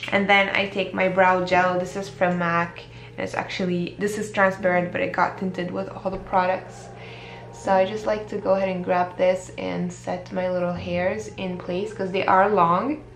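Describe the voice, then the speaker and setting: A woman talking through a makeup tutorial in a relaxed, chatty way, explaining each step as she goes, her voice a little worn. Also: lowish voice, normal speed, echoey room, slight background noise. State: slightly losing her voice. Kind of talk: casual beauty tutorial talk.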